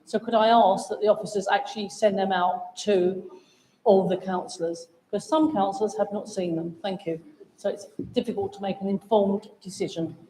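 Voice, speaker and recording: A woman councillor speaking at a council meeting, polite and slightly halting. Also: medium pitch, steady tone, mellow, slight background noise. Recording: echoey council chamber.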